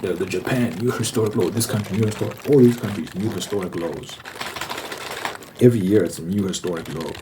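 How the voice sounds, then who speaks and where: Over clear sounds of typing and crinkling, a man with a low voice hosts an ASMR video, talking a little fast. He rambles in a casual, informal monologue, repeating phrases to emphasize them.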